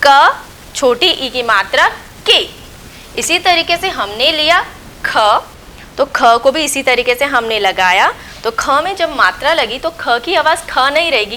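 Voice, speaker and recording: Slow, bright-voiced woman teacher. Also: sits high, slight background noise, poor audio. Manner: slow, patient, repeats and asks questions then answers them. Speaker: school teacher. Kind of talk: recorded online lesson for young children.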